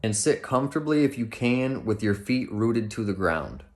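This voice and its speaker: Lower-voiced man giving casual meditation instruction. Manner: informal, plain-spoken.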